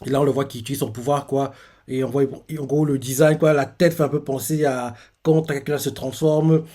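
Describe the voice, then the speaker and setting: Mellow-voiced man rambling through a reaction. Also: mid-range voice, steady tone, fairly quick. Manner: rambling, many fillers and restarts, retells panels aloud. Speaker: manga reaction host. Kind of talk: live reaction, casual commentary.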